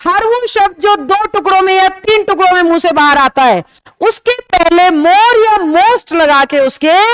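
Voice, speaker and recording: A high-pitched woman, an English teacher, leads a grammar lesson in a classroom with a board, recorded close and dry. She explains patiently, uses rhetorical questions to keep checking that her students follow, and stretches out key example words slowly for emphasis.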